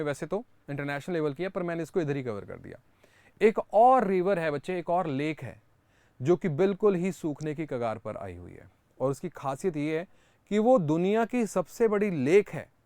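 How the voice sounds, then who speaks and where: A man's voice: sits high, a little mellow, smooth, no room sound. A man teaching current affairs for exam prep, explaining step by step, calling his students kids and asking rhetorical questions.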